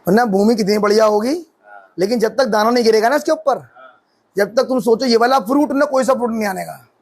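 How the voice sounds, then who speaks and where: A man's voice: very high voice, brisk, breathy edge. A man as pastor, preaching a sermon with emphatic rising questions to the congregation.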